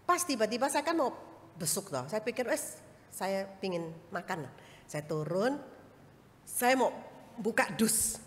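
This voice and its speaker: A woman's voice: mid-range voice, a little slow, pauses often. Woman preacher in a reverberant church hall. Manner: animated storytelling, acts out voices and laughs. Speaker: evangelist preaching. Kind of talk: sermon with personal anecdote.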